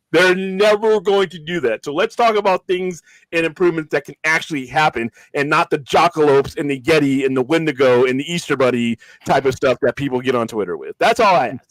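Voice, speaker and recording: A man co-hosting a podcast in casual chat, animated and emphatic, often repeating words as he talks. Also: a little high, fairly quick, slight background noise, low-quality recording. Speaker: podcast co-host.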